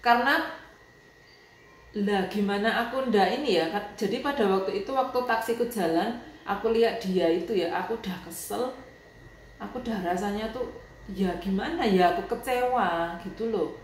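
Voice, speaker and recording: A woman's voice: medium pitch, normal speed. Chatty Javanese woman in an echoey room. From Yogyakarta, Java, Indonesia. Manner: chatty, emotional, mixes Javanese, Indonesian and English. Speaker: vlogger. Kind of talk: casual storytelling to viewers. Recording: very echoey room with faint ambient noise.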